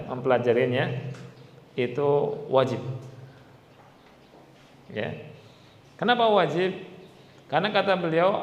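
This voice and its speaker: A man teaching a classroom lesson, who keeps checking with his listeners through rhetorical questions and repeats and stretches example words. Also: fairly high pitch. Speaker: Arabic teacher. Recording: echoey hall with long reverb.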